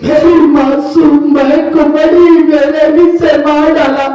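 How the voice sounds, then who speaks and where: A man playing an angry, grieving young man in a folk stage drama, speaking declamatorily with shouted outbursts and sung lines. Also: extremely high pitch, little pitch movement, slow, dull audio. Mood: accusing. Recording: echoey far-off stage mic with music and crowd.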